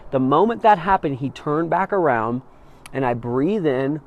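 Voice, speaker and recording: A man speaking to an audience, telling a personal story and then urging listeners on, swinging between hushed and emphatic. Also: on the high side, expressive, measured pace, phone-quality sound, a little hiss or hum. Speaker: motivational speaker. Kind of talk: inspirational talk to an audience.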